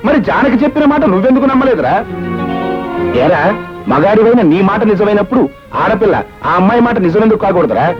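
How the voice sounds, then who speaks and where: A middle-aged father with a high, fast voice who lectures his son with force. The old film soundtrack is dull, with loud music underneath. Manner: forceful, moralizing.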